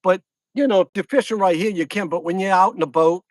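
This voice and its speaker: A high-pitched, fast-talking middle-aged man with a Louisiana accent hosts a fishing channel's casual livestream outdoors at a lakeside camp, in a dry recording. He rambles, repeats himself, and greets viewers individually.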